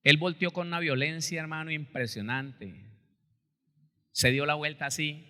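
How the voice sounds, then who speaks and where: Man, pastor, storytelling sermon, animated, forceful tense voice, echoey church hall. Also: fairly high pitch, moderate pace. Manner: animated, acts out quotes, addresses listeners as brother.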